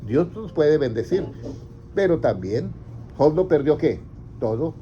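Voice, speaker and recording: Pastor preaching with questions. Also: male voice, fairly high pitch, sing-song, measured pace, dark tone. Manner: asks the congregation questions and answers himself. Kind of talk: interactive sermon. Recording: slightly dull, faint background noise.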